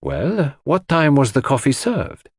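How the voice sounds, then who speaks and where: In a clean studio recording with no room sound, a man voices a fussy, shrewd older detective for an audiobook, pitching above his own natural voice. His medium-pitched, slightly rough delivery swoops wildly and is exaggerated, unhurried, deliberate and theatrical, with precise, formal phrasing.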